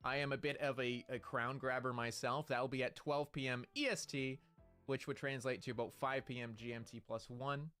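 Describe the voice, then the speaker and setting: A man's voice: mid-range voice, steady tone, a little fast, fairly bright tone, smooth, faint music behind. A man streaming live, chatting in a hyped, playful, rambling way about his model and schedule. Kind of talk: casual live-stream chat.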